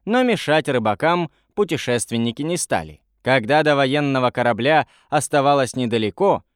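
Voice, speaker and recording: A man reading a fantasy adventure aloud in an even storytelling manner. His intonation moves lively up and down, and the recording is dry and close. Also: mid-range voice, moderate pace, smooth, dry recording. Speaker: narrator. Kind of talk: audiobook narration.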